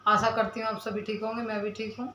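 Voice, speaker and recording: A woman's voice: on the high side, little pitch movement, quick pace, sharp tone, reverberant, slight background noise, low-quality recording. A young woman vlogger talking to camera, earnestly answering her viewers' comments and defending herself while in some pain from her mouth. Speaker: village vlogger.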